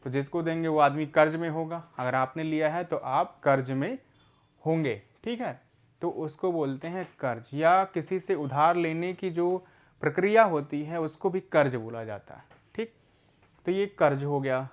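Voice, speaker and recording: A man teaching a recorded adult literacy lesson, patiently asking questions and answering them himself, repeating words slowly for learners. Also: a little high.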